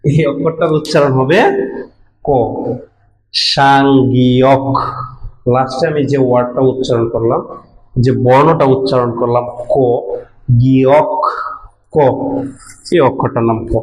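A man's voice: mid-range voice, moderate pace, long pauses, a little mellow, reverberant, poor audio. A man teaching a language class, explaining letter sounds patiently and repeating each one step by step. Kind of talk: classroom lesson.

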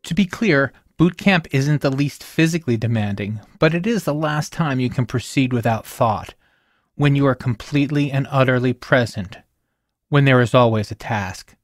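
A man hosting a podcast, reading scripted documentary narration in a measured, solemn way with emphatic rises. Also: mid-range voice, no echo, clean studio sound.

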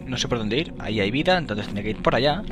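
A young gamer with a Spain Spanish accent gives excitable let's play commentary in a mid-range voice at a quick pace. He swears and yells at enemies as he plays.

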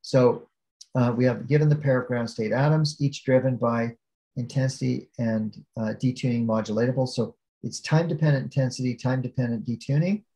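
Low gravelly man lecturing with fillers. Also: fairly even intonation, fairly quick, warm tone, poor audio. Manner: explains step by step, many fillers and restarts. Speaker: keynote speaker. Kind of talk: academic lecture.

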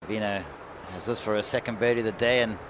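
A man's voice: on the low side, fairly even intonation, fast. A man giving live golf commentary as a tournament commentator. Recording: loud outdoor noise, crowd behind. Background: loud outdoor course ambience.

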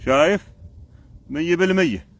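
A man with a Jordanian Arabic accent talks in a loose, chatty way on a live stream from a forest. His voice sits a little high for a man. He keeps pointing things out to his viewers as he goes, recorded outdoors on a phone held in his hand. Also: moderate pace, slightly rough, lo-fi sound. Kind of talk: casual live-stream chat while foraging.

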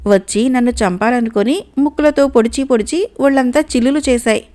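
A woman voicing a cunning male crow minister who speaks in a calm, pleading way, in a read-aloud fable. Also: a little high, fairly quick, lightly acted. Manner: pleading, storytelling tone.

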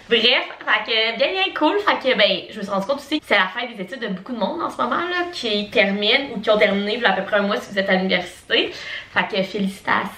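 A woman in her twenties with a Québécois French accent, vlogging in a relaxed everyday voice. She rambles along casually, stringing thoughts together with lots of fillers. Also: mid-range voice. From Quebec, Canada. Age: 20s. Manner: chatty and rambling, heavy on fillers. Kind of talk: casual chat to camera.

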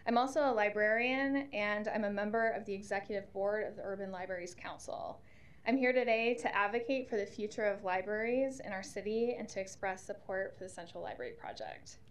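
A woman in her thirties stands at a podium microphone in a council chamber and reads her testimony. She speaks steadily and earnestly in a mid-pitched voice. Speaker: nonprofit CEO testifying. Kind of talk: reading a prepared statement.

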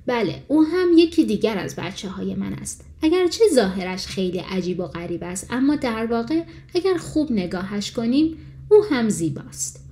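A woman's voice: a little high, expressive, mellow. A woman voicing a proud, anxious mother duck in an audiobook story, speaking tenderly in her defence.

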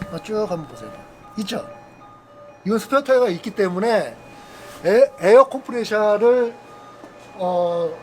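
Chatty high-pitched man showing car kits. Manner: chatty, exclaiming, grumbles at carmakers. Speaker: car channel host. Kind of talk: casual hands-on car demonstration. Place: outdoors in a parking lot beside cars.

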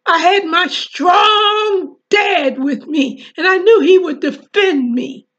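A woman author reads her childhood memoir aloud and then closes with a presentation. She talks slowly and deliberately in a very high voice, spelling out details letter by letter. The recording is dull and lo-fi. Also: fairly bright tone. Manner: slow, deliberate, spells words out. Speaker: author and speaker.

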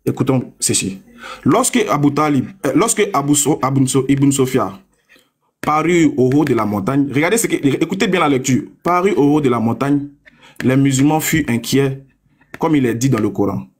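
A young man in a combative live-stream debate, taunting his opponents and reading a source text aloud slowly and deliberately. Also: mid-range voice, expressive, husky. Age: young adult.

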